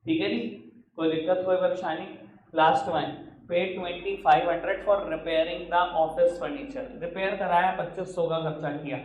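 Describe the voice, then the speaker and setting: A man from Uttar Pradesh teaching accountancy in a class, mixing Hindi and English. He teases and scolds his students, and reads each question out slowly in English. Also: high-pitched, steady tone, darkish tone, dull audio, slight background noise. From Uttar Pradesh, India. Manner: chiding, teasing teacher who calls students "babu". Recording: echoey room.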